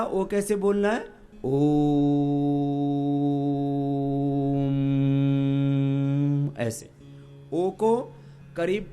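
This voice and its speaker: A man teaching a yoga class, leading slow chants and having the group repeat after him. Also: high voice. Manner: slow, drawn-out chanting and call-and-response teaching. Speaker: yoga instructor.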